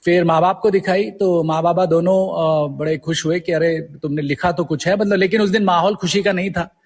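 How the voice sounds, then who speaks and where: A middle-aged Indian man with a voice that sits high talks at a moderate pace in a steady tone. As an interview guest, he reminisces and tells stories in Hindi, mixing in English words.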